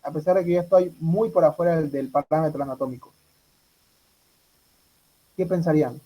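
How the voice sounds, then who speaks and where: A man's voice: on the high side, fairly even intonation, normal speed, dark tone, breathy edge, low-quality recording. A man runs an exam review for medical students. He fires questions at the class and repeats each answer back to them. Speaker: medical tutor.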